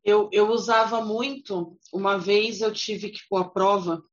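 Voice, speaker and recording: A woman's voice: medium pitch, fairly even intonation, lo-fi sound. A woman from Brazil hosting a podcast, chatting casually and sharing her own story. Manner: chatty, quick back-channels. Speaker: podcast host. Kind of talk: casual chat.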